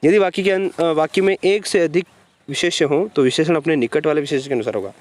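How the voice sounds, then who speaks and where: A man delivers a grammar lesson in a somewhat high voice. He walks through each rule slowly, poses questions to the class and answers them himself, with steady classroom patience. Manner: explains step by step, asks and answers his own questions, repeats "ठीक है". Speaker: Hindi grammar teacher. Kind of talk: classroom-style grammar lecture.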